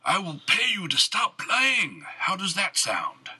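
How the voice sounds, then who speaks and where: A man voicing a gruff, loyal older squire with blunt country speech, in an audiobook. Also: mid-range voice, sing-song, moderate pace, pushed and bright, full character voice, low-quality recording. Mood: yelling. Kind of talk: audiobook character reading.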